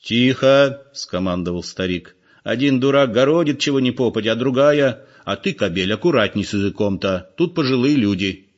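A man voicing a shrewd, gruff old village man who scolds and probes, on a dull lo-fi recording. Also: mid-range voice, lively intonation, a little fast, lightly acted. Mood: scolding.

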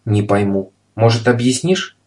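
A man voicing a meek, flustered adult lodger who sounds earnest and a little hurried, in a storybook reading. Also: on the low side, a little mellow, natural voice.

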